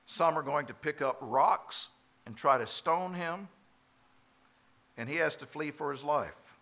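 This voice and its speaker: A man preaching a sermon, growing emphatic and loud on key phrases and slowing down to read scripture. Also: fairly high pitch, gravelly. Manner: slows down for quoted scripture.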